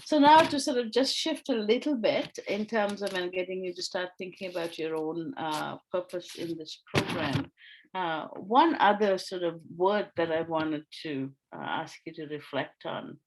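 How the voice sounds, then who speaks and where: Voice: medium pitch, normal speed, noisy background. A facilitator from Sri Lanka leading an online workshop discussion over a video call, speaking thoughtfully with frequent fillers and restarts.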